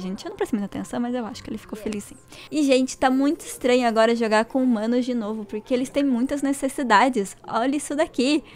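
Brief: young woman host, excitable gaming chatter, high pitch. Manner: chatty, excitable, addresses viewers as gente. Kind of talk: casual let's play commentary.

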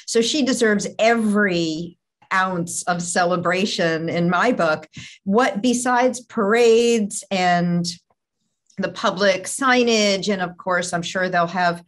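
A woman's voice: mid-range voice, takes it slowly. A woman hosting a morning TV segment, playful and curious, asking follow-up questions in casual chat. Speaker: morning TV host.

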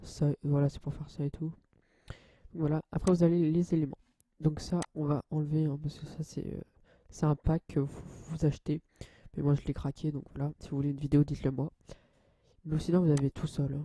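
A young man hosting a casual software tutorial, hesitant and full of fillers and restarts, addressing viewers as guys. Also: a little high, little pitch movement, a little fast. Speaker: channel host.

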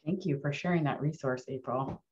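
A panel moderator heard over dull, lo-fi video call audio, speaking at a mid pitch. The moderator thanks the speakers and steers the turns on to the next person. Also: brisk, darkish tone. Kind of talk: virtual panel discussion.

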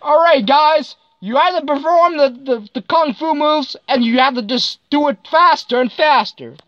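A woman's voice: sits high, normal speed, no echo, lightly acted. A woman voicing a bossy, scatterbrained karate teacher who scolds the kids in a homemade toy skit. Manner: scolding, sing-song, swooping voice. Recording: dull lo-fi recording with faint noise.

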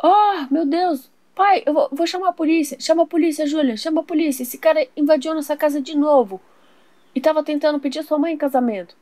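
A woman's voice: high-pitched, brisk, warm tone, no echo, lightly acted. A woman voicing an eager, earnest young girl in a toy doll soap opera.

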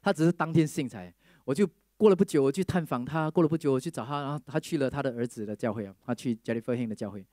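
A man preaching a sermon, telling a testimony in a lively storytelling manner, acting out the people he quotes and mixing English phrases into Mandarin. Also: mid-range voice, quick pace, no room sound, studio quality.

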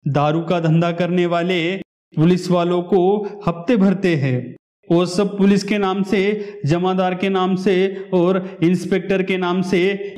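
A man putting on an insolent drunken rowdy, taunting in a slow, lazy drawl. The voice sits high for a man. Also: a little mellow.

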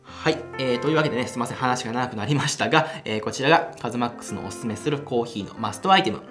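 A young man runs a coffee channel and talks viewers through brewing from his small home café room, his medium-pitched voice racing along. It's an upbeat, chatty how-to, and he laughs as he explains. Music plays in the background.

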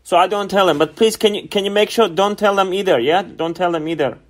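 A man's voice: sits high, fairly quick. A man on a phone call who sounds naive and compliant, hesitant and apologetic, repeating things back. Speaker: scambaiter playing along with a phone scammer.

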